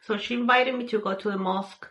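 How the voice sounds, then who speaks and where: A woman's voice: mid-range voice, steady tone, fairly bright tone. Earnest woman from Peru. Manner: earnest, unhurried, with frequent fillers and restarts. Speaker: vlogger sharing a personal story. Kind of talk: casual personal testimony.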